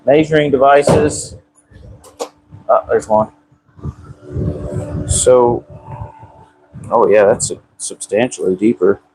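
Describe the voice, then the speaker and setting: Slow-drawling man. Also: lowish voice, fairly even intonation, dark tone, breathy edge, low-quality recording. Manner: folksy, slangy cracker talk. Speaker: live streamer working on cars in a garage. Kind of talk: casual live-stream chat while working. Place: garage.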